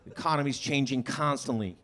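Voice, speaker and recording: A man doing a stand-up comedy set, telling a story with animated delivery and sudden high shouted quotes. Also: fairly quick. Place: comedy show venue with audience.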